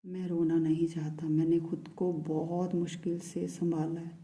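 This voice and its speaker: In a natural voice at normal speed, a woman speaks a lovesick man's tender, pleading message as if she were him. Her tone is very mellow, dark, flat and even, low for a woman, and she keeps it soft and hushed, often slipping into a whisper.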